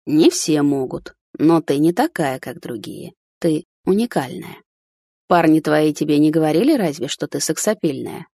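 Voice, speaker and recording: A woman's voice: low-pitched, expressive, mellow, dry recording, studio quality. Woman putting on a sly drawling old man. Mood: coaxing. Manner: slow, drawling, teasing. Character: sly, mocking older man, unhurried.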